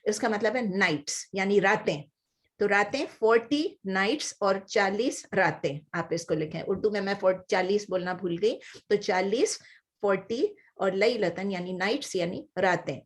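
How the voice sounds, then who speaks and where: A woman with an Urdu accent, teaching a word-by-word Quran lesson. She explains patiently, mixes in English terms and stretches the Arabic words slowly. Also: medium pitch.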